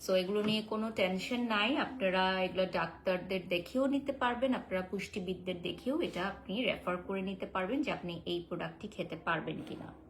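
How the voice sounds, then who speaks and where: A woman, chatting casually in a live-stream sales pitch, answering viewer comments and slipping in English filler words. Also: brisk, a little hiss or hum, rough recording.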